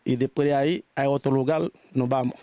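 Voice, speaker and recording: A man's voice: mid-range voice, fairly even intonation, brisk, warm tone. A Dominican man with a Dominican Spanish accent, answering interview questions about his spiritual work and calling people mijo. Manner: calls people mijo and mija, repeats blessings. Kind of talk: casual interview.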